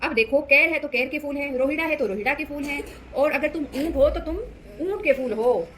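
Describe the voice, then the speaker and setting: A woman voicing a gentle, patient talking flower that explains things softly and kindly. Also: high voice, a little fast. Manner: soft, coaxing explanations. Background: background music.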